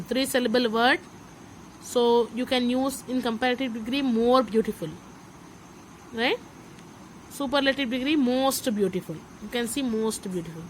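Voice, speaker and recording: An Indian woman explains grammar at a very slow, deliberate pace. Her voice sits slightly high, and she repeats each term while mixing English with Hindi. Faint traffic noise runs in the background. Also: low-quality recording. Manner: mixes English and Hindi, repeats key words, asks "understand?".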